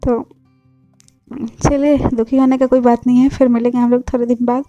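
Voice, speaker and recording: A woman's voice: on the high side, little pitch movement, brisk, warm tone, dry recording, dull audio. Young female vlogger from Bihar, chatty and rambling, dry close sound, faint music underneath. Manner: chatty, repetitive, filler-heavy. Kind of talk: casual vlog narration.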